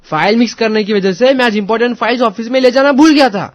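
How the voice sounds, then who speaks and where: A man's voice: on the high side, normal speed, natural voice. A man voicing a stern, impatient young husband in a cartoon story, lecturing. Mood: angry.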